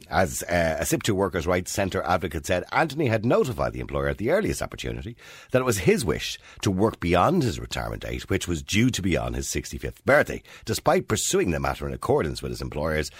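Animated Irish radio host in his fifties. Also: low voice, brisk, slightly rough, no room sound, clean studio sound. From Ireland. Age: 50s. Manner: animated, chatty and opinionated, asks listeners questions. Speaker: radio talk show host. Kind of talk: talk radio monologue.

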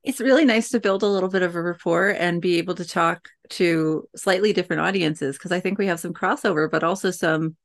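A woman hosting a podcast, friendly and lively as she asks her guest questions. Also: on the low side, a little fast, few pauses. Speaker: podcast host. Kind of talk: interview conversation.

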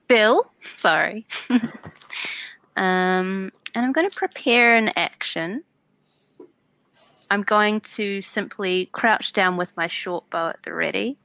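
A woman takes her turn in a tabletop game, speaking at a very slow, drawn-out pace. She is theatrical and giggles between lines. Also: mid-range voice, gravelly, pushed and bright, no echo. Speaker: player.

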